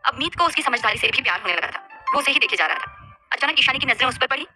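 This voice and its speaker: Lively woman reading a love story, fast and bright, faint music behind. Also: sits high. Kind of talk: scripted romance story narration.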